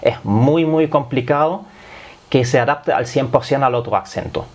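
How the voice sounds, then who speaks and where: A man's voice: mid-range voice, normal speed, darkish tone. Man, German accent, native German speaker, language teacher, patient explanatory lesson, methodical. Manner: patient, step-by-step explaining with frequent "es decir".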